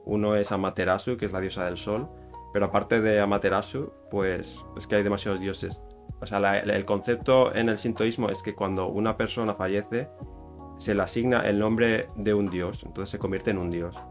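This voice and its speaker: A man with a Spain Spanish accent talks through a topic in a loose, chatty way, often stopping to correct himself. His voice sits on the lower side, and soft guitar music plays faintly behind him. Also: fairly even intonation, normal speed. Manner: rambling, with many fillers and self-corrections. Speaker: YouTuber explaining Japanese culture. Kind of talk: casual explanatory talk.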